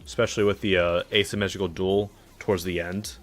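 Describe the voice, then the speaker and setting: A man's voice: low voice, flat delivery, fairly quick, soft background music. A young man giving casual live-stream commentary as he reviews game levels, offhand and dryly sarcastic, with plenty of filler words.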